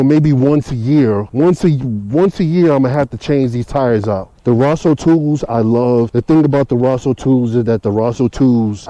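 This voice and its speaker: Rambling man with a dark, dull voice. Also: mid-range voice, no room sound. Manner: rambling, repeats himself, many fillers. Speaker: motovlogger. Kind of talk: casual tire review. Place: outdoors in a parking lot beside his motorcycle.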